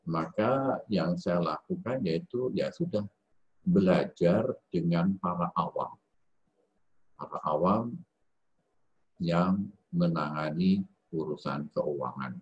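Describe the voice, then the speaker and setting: Deep husky priest guy thinking out loud, lots of eh and restarts, muffled lo-fi call audio. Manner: halting, with many fillers and self-corrections. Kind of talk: reflective spoken lecture. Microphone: video call.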